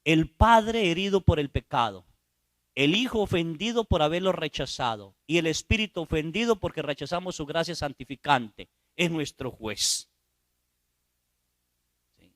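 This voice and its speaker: Storytelling priest preaching. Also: male voice, on the high side, lively intonation, normal speed, long pauses, a bit bright, dry recording, clean studio sound. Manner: storytelling preacher who acts out voices and asks "¿sí?". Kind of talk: sermon.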